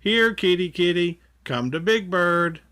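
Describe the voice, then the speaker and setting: Storybook big bird, played by a man: high-pitched, bright, friendly and eager, cheering every line along. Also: lively intonation, a little slow. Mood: excited, cheerful. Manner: exclamatory, cheering.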